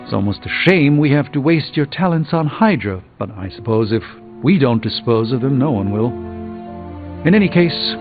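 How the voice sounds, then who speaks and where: An actor playing an erudite, wry sorcerer doctor in a video game, articulate and formal with a slightly pompous, dry wit. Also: male voice, mid-range voice, lightly acted. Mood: wry, composed. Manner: articulate, formal, dryly witty. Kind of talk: scripted video game character dialogue. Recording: tinny band-limited game audio over music.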